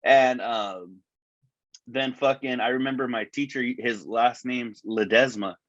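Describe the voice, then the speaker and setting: A man's voice: medium pitch, unhurried, a bit bright, no echo. A man chatting loosely as a podcast co-host, his voice thin and tinny through a wireless earbud mic. The lo-fi sound has a dull top end, and the room is dry and close. He rambles along, piling up swear words and fillers. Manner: rambling, heavy cursing and fillers. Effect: tinny sound from earbud microphone. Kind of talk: casual chat. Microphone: wireless earbuds as microphone.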